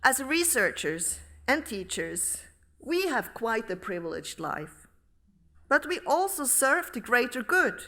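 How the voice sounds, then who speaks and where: A middle-aged woman from Switzerland, giving a formal academic lecture at a podium microphone in a large hall, reading in a measured, deliberate way. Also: fairly high pitch, big pitch swings, sharp tone. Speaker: professor giving inaugural lecture.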